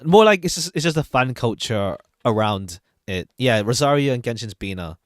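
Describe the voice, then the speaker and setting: Lively-pitched man chatting on a livestream. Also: moderate pace, no room sound, studio quality. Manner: chatty, hesitant, thinking aloud. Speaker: streamer reacting to game trailers. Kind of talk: casual livestream commentary.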